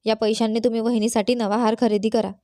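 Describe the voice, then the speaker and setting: A woman voicing a kind, earnest young sister-in-law who pleads gently in a storybook reading. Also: a little high, flat delivery, fast talker, no room sound, clean studio sound, lightly acted.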